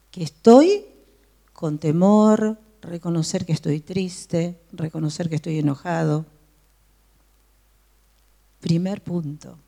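A woman's voice: lowish voice, warm tone. A woman teaching a Bible study to a group, often asking her listeners questions. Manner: asks the listeners frequent questions.

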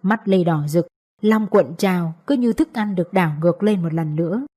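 A woman's voice: lowish voice, moderate pace, dark tone. A woman narrating a scripted story as an audiobook reader.

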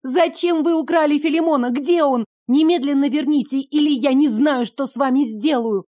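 A woman reading an audiobook, voicing a frightened young heroine who pleads and cries out in a high voice. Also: normal speed, a little mellow, dry recording, studio quality, lightly acted. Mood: desperate.

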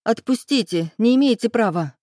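A woman voicing a frightened, indignant young woman student who protests in a raised, pleading voice, read dry and mellow. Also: mid-range voice, normal speed, no echo, voice pushed up, lightly acted. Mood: indignant, scared.

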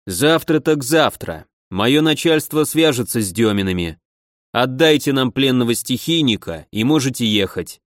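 A shifty, plump guard captain with a gruff, bossy voice, as a male audiobook reader puts him on. The sound is dry and close, with no room around it. His pitch sits in a middling range. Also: lively intonation, normal speed, no echo, lightly acted. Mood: commanding, sly. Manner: gruff commanding tone.

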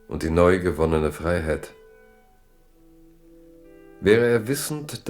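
In a historical radio play, a male actor with a deep voice portrays a grave, all-knowing storyteller. His literary narration is measured and reflective.

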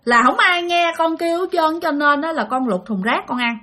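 A woman's voice: high voice, expressive, normal speed, pushed and bright, voice pushed up. A woman with a Southern Vietnamese accent voicing the ghost of a drowned young boy, plaintive and complaining.

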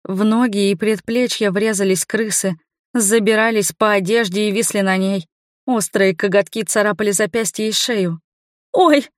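A woman narrates a first-person fantasy audiobook at a mid pitch, building tension and suspense as she reads. The recording is dry and close, with no room sound behind her. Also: steady tone, normal speed, no room sound. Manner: tense, suspenseful storytelling. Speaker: audiobook reader.

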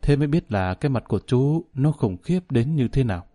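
A man voicing a proud older male filmmaker who feels wounded and insulted, talking in a gruff, indignant way. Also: medium pitch, expressive, a little fast, mellow, faint music behind, close to an everyday voice. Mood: bitter.

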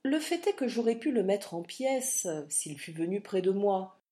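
A woman reading an audiobook in an expressive, dramatic storytelling manner. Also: mid-range voice, unhurried. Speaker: audiobook reader. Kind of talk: scripted audiobook narration.

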